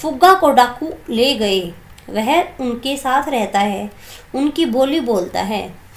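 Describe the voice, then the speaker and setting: A woman reading a calm, wise old male sage from a storybook, in a slow, gentle manner. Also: a little high.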